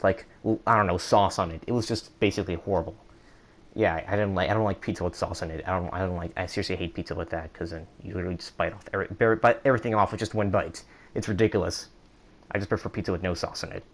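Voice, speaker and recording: A young man rambling through a casual storytime monologue, with many restarts, who acts out quotes in a higher voice. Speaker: vlogger.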